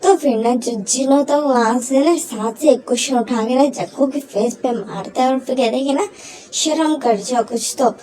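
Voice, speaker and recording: A high-pitched woman talks at normal speed with hardly any pauses, over crowd noise in a low-quality recording. She casually narrates a fan fiction story, filling it with fillers and briefly voicing every quote.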